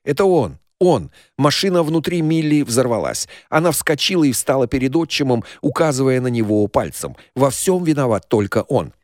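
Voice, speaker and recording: A man's voice: mid-range voice, sing-song, moderate pace, hardly any pauses, no echo, studio quality, natural voice. A man voicing a desperate young woman in an audiobook crime story, emotional and accusing. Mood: screaming.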